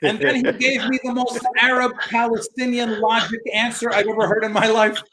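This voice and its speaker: A young American man with a very high, level, sharp voice performs stand-up comedy on a live stream. He tells a story and voices the people in it, trading his mom's and his friend's lines in quick back-and-forth.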